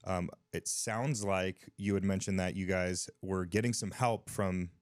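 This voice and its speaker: A man with a low, deep voice hosts a casual podcast interview. He keeps it loose and slangy, calling his guest dude and bro. The sound is dry and close, with no room echo. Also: steady tone, measured pace. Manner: laid-back, slangy, says dude and bro. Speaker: podcast host.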